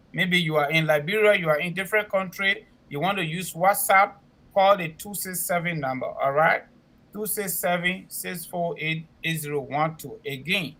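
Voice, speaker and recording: Male co-host, West African accent, forceful high voice, emphatic promotional delivery with repetition. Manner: emphatic, repeats himself for clarity. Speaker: co-host and immigration consultant. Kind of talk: spoken promotional announcement on a talk show.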